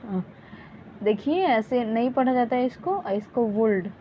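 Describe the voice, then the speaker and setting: Slow, patient woman teacher, lo-fi. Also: on the high side, expressive. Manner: slow, patient, repeats and drills example words. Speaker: spoken English teacher. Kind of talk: bilingual grammar lesson. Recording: dull lo-fi audio with faint hiss.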